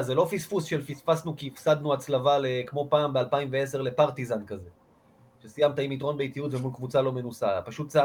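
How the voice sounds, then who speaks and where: A man co-hosting a sports podcast, giving passionate, casual analysis and speaking of the team as his own. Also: on the high side. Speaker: podcast co-host, basketball fan.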